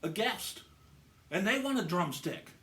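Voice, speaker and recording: A man's voice: sits high, lively intonation, unhurried, fairly bright tone. A man playing a folksy rural chicken farmer who talks in a plain, matter-of-fact way. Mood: leading. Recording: roomy, distant mic, faint ambience.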